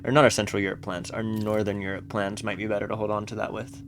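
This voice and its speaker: A man with a fairly low voice gives casual commentary on a strategy game, planning out loud. He reads the on-screen text as he goes, with faint music playing behind him. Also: level tone, fast. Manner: thinking aloud, loosely planning moves. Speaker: let's play streamer.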